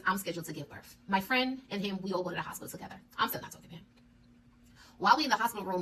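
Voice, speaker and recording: A woman telling a personal story in a casual storytime style, blunt, profane and animated. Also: lowish voice, recorded from a distance, slight background noise, rough recording.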